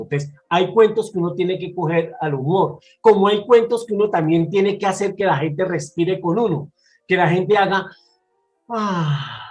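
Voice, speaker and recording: A man with a Bogotá Colombian accent and a fairly high voice talks about his storytelling craft. He sounds animated and expressive, and he often restarts his phrases as he goes. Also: low-quality recording. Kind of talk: casual interview talk.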